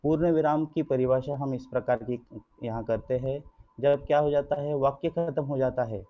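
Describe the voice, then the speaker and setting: A man's voice: mid-range voice, fairly even intonation, normal speed. Male teacher explaining patiently. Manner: keeps asking rhetorical questions and answering them himself; addresses pupils as children, patient and explanatory. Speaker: school teacher. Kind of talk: online grammar lesson over slides. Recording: dull lo-fi recording.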